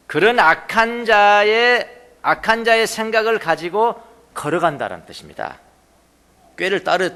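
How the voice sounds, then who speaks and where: A man's voice: sits high, pushed and bright, in a large hall. A man preaching a sermon as pastor, emphatic, repeating key words and putting questions to the congregation. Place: church sanctuary.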